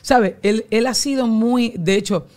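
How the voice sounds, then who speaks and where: A woman in her forties with a Venezuelan accent, a guest telling family stories in a loose, animated way full of restarts and slang. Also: on the high side, unhurried. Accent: Venezuelan Spanish. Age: 40s. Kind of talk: casual storytelling chat.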